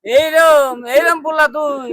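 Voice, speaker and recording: Man playing a very high-voiced local man. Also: fairly even intonation, slow pace, a bit bright, no room sound, heavily acted. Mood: scolding. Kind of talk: amateur street drama.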